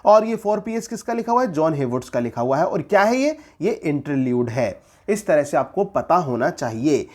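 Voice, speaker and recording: A man's voice: on the high side, big pitch swings, a little mellow. Indian man teaching English literature. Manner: reads English lines slowly then explains in Hindi; repeats key points and quizzes the listener. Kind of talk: exam-prep lecture.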